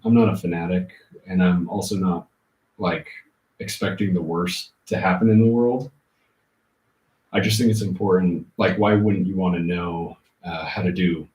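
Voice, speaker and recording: A man hosting a casual livestream, answering chat comments informally and thinking aloud in a halting way. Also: sits low, a little mellow. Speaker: livestream host. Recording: roomy, muffled, distant laptop-like mic.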